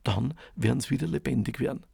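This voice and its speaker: A man voicing a croaking, gruff old bird in a fairy tale. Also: medium pitch, fairly quick, a little mellow, no echo, studio quality, heavily acted. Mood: instructing. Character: croaking old bird perched in a magic tree.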